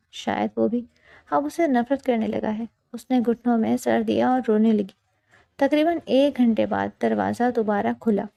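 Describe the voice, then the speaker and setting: A woman narrating a romance novel in a steady, expressive storytelling style. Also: on the high side, creaky, no echo. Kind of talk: scripted audiobook narration.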